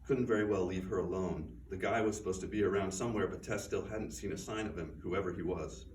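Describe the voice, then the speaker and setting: A man with a very low voice calmly reads his own fiction in a bookstore's event room, his tone quiet, measured and steady. Because he stands away from the microphone, the recording comes across distant and roomy, carrying faint noise.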